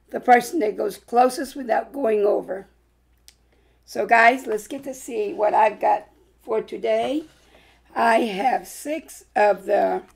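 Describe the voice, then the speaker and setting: A woman hosts a casual vlog, her hoarse, congested voice sitting a little high and full of gravelly fry. She chats in an upbeat way and often breaks into excited exclamations. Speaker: lottery scratch-ticket channel host.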